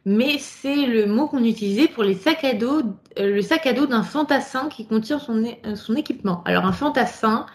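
A woman co-hosting a casual podcast, chatting in a lively way and laughing often between her points. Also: on the high side, moderate pace, few pauses. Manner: lively, laughs often, many fillers and asides. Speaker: podcast co-host. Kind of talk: casual chat about a book chapter.

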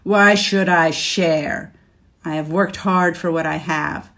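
A woman's voice: low-pitched, steady tone. Scorch, a scornful dragon, as a woman puts him on. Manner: slow, forceful, contemptuous delivery. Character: proud scornful male dragon, huge and menacing. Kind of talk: storybook reading.

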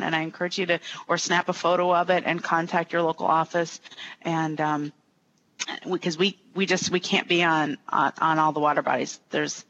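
Muffled, faintly noisy audio; female government expert, mid-pitched, informal interview explainer. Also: a bit bright. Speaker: state natural resources official. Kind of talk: conversational interview answers. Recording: dull lo-fi audio, faint noise.

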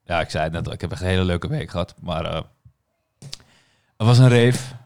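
A young man hosting a casual football podcast, relaxed and slangy. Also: deep voice, fairly quick, vocal fry. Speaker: podcast host.

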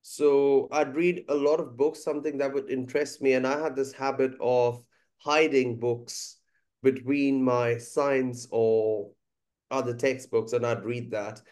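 Speaking on a conversational podcast, a guest who works as a musician and teacher reflects in a steady, slightly mellow mid-range voice. Originally from India, he grew up speaking Bengali, and his thoughtful, measured speech is sprinkled with frequent "uh" pauses.

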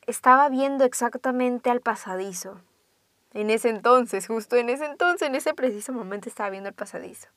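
A woman's voice: medium pitch, no room sound. Young woman telling a ghost story. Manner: lively, drops to hushed tones for suspense. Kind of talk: casual spoken ghost story.

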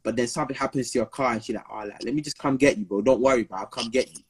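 Rapid-fire and breathy at the edges, this medium-pitched young man spins casual stories in London roadman slang. He acts out what people said and keeps circling back to repeat himself.

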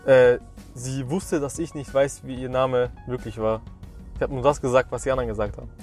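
A man's voice: mid-range voice, steady tone, fairly quick, darkish tone. Young man, podcast co-host, slangy rambling chat, faint music behind. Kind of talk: casual chat.

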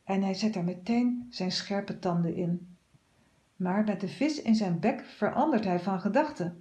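A woman calmly reading a children's story aloud. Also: mid-range voice, measured pace.

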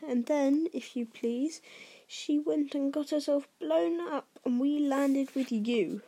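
A woman's voice: high voice, slow pace, mellow. A woman voicing a bitter, spiteful middle-aged aunt in a storybook, ranting with scornful emphasis.

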